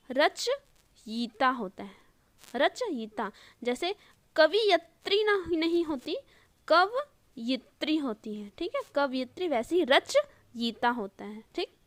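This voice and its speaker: A woman runs an online spelling lesson in a high, fairly bright voice, breaking things down step by step. She repeats each word and often asks "okay?" or "ठीक है". No room sound can be heard.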